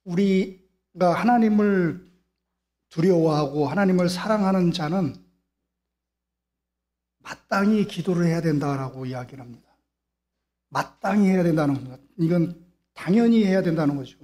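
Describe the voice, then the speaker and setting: A man's voice: fairly high pitch, animated, moderate pace, pauses often, dark tone. A man preaching a sermon as pastor in a church, pressing his point with repetition and rhetorical questions. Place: church sanctuary.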